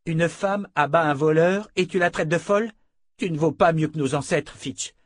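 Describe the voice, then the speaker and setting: A man's voice: a little high, moderate pace, dry recording, clean studio sound, natural voice. A man voicing a stern young female sergeant who speaks bluntly and with scorn. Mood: scornful.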